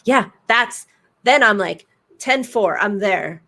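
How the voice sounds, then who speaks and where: Picture a woman author hosting a casual chat over a video call. She tells her stories with flair, full of sudden dramatic exclamations and quick asides. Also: mid-range voice, lively intonation, creaky, pushed and bright. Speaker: author interviewing a guest at a bookshop event.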